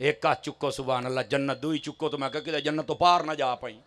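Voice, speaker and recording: A man with a Punjabi accent preaching a fiery sermon to a gathering, swinging from low asides to shouted, impassioned climaxes. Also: fairly even intonation, fairly quick.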